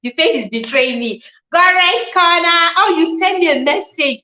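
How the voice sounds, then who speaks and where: A woman's voice: very high-pitched, lively intonation, measured pace, pushed and bright, echoey room, poor audio. A woman with a Nigerian accent hosting a casual livestream chat, emotional and chatty, thanking viewers by name. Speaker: livestream host.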